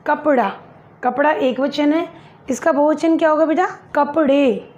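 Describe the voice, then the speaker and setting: Slow, patient woman teacher. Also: sits high, steady tone, darkish tone, highs cut off. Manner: slow and patient, spelling words syllable by syllable; addresses pupils as "beta", asks and answers her own questions. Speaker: school teacher. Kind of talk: online Hindi lesson for young pupils.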